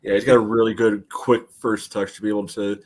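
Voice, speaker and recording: A middle-aged American man sits on a podcast panel, chatting casually about soccer analysis in a rambling, conversational style and leaning heavily on "you know." His voice sits on the low side, with a flat, brisk delivery.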